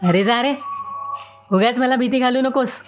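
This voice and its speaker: A woman's voice: fairly high pitch, faint music behind, close to an everyday voice. A woman voicing a greedy, gullible crow who speaks brashly and impatiently, in a children's storybook tale. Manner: brash, quick-tempered questions.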